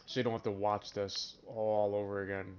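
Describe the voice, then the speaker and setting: A man's voice: on the low side, level tone, normal speed, smooth. A man giving casual let's-play commentary, laid-back and swearing, saying dude a lot. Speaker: gaming channel host. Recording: game music loud behind voice.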